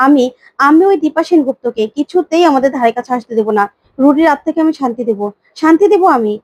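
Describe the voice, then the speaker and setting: A grieving young widow, defiant and quick to anger, as a woman storyteller puts her on. She sounds agitated and accusing, high-pitched and dry. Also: a little mellow, no room sound, lightly acted.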